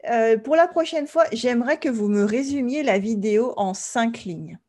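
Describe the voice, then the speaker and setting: A woman from France teaching an online French class, explaining slowly and clearly and often checking that her students follow. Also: a little high, animated, darkish tone.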